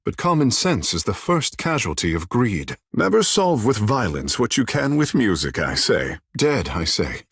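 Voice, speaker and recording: Tekēhu, a vain, wildly expressive sea-godling. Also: male voice, mid-range voice, creaky, slightly rough, dry recording, studio quality, full character voice. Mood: indignant. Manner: theatrical, haughty, florid formal phrasing with tag phrases. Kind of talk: video game character dialogue.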